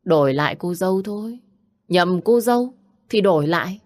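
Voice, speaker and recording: An angry young man who sneers and barks his lines, read by a woman narrator. The voice sits low and close and dry. It is an audiobook character. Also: animated, moderate pace, darkish tone, dry recording, natural voice. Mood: scornful. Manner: harsh, mocking. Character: hot-tempered, sneering young man, a jilted husband.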